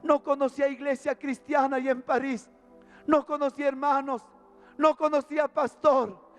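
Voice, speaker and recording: Peruvian Spanish-accented male preacher, very high voice, fervent testimony, faint music under. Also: flat delivery, normal speed, fairly bright tone. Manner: fervent, emotional preaching with repeated phrases. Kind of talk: testimony sermon. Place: church service.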